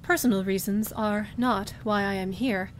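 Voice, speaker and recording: An actress voices a composed, logical Vulcan woman starship commander in a science fiction fan audio drama, with formal, precise, unemotional diction and a cool, stern mood. Her voice is close to everyday, with fairly even intonation at normal speed. A clear low rumble of background noise runs behind her.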